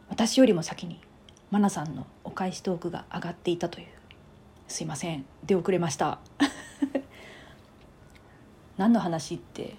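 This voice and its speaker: Soft-spoken chatty Japanese podcast woman. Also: fairly low pitch, husky. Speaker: podcast host. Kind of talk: casual solo talk.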